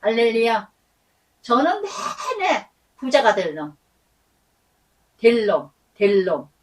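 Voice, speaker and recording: A middle-aged woman pastor preaching a sermon, telling stories in a lively way and acting out the voices she quotes, stretching words for emphasis. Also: fairly high pitch, slow pace, far from the mic, rough recording.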